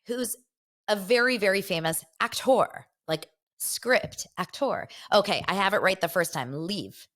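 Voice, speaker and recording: In this casual podcast chat, the young LA host reads viewer comments aloud and gossips with lively energy. Her voice is medium in pitch with a fairly bright tone.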